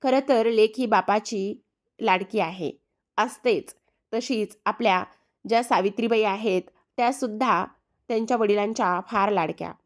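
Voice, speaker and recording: A woman narrating a recap of a TV serial episode in a steady storytelling manner. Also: mid-range voice, normal speed.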